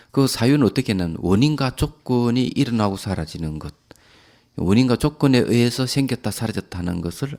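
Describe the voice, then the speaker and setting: Low voice monk doing a dharma talk, calm, trails off quiet at phrase ends. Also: male voice. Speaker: Buddhist monk lecturer. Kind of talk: dharma lecture.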